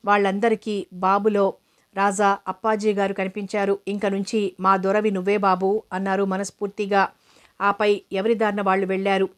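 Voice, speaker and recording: A woman narrating a novel aloud in a steady storytelling manner. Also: mid-range voice.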